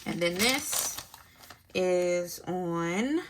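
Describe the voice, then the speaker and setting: A young woman planner vlogger talks extremely slowly but animatedly in a lowish voice as she fills out her budget planner. She thinks aloud and mutters numbers in a casual narrated setup. A little hiss or hum is audible.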